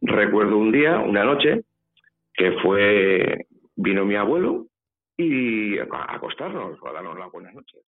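This Spanish man's voice is on the low side, and he speaks a little slowly but very animatedly. Guesting on a phone interview, he tells a personal story with hesitation and repeated words, his Spanish accent audible over a tinny line with faint music.

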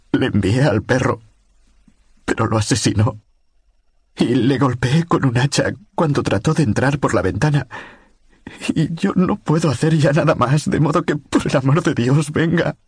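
A man's voice: medium pitch, slightly rough, no echo, studio quality, voice pushed up. A man voicing a terrified young woman who is trapped with her child, pleading through tears. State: desperate, tearful.

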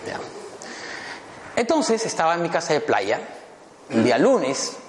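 A man in his fifties tells humorous stories in a motivational talk, speaking a bit high with very animated pitch. He teases and addresses his audience directly. The recording rings with a long hall reverb and a faint background hiss. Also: a little slow. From Peru. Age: 50s. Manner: playful, humorous storytelling with audience asides.

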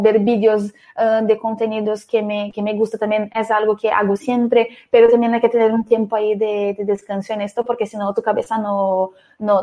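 A woman's voice: medium pitch, dark tone. A woman with a Brazilian accent and native Portuguese, speaking non-native Spanish as a guest in a conversational interview, often rephrasing as she searches for words. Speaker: podcast guest, entrepreneur.

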